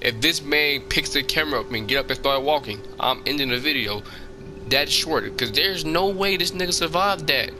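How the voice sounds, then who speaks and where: A man's voice: a little high, lively intonation, moderate pace, over music. A man giving casual, slangy commentary on a horror game, talking informally to the game and viewers.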